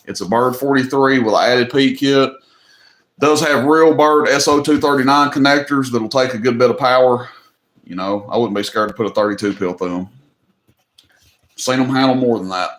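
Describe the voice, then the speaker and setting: With a medium-pitched, fairly bright voice in a reverberant setting, a middle-aged Tennessee man runs a live online auction. His casual livestream chat is folksy and joking, delivered in a Southern drawl full of "y'all."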